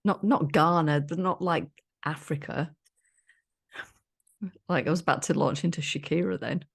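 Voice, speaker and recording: A woman's voice: sits low, normal speed, slightly rough. A woman co-hosting a podcast, chatting in a jokey, enthusiastic way. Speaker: podcast co-host. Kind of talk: casual chat.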